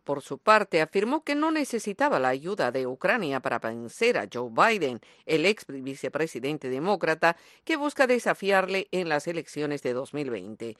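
A woman's voice: deep voice, a bit bright, no room sound, clean studio sound. A woman presenting scripted news as a radio host, with a formal announcer delivery in an AM radio style.

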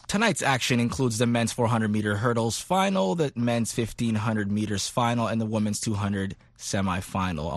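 A man presenting a radio sports news show, reading the results in a clear, measured newsreader manner. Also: mid-range voice, no echo, clean studio sound.

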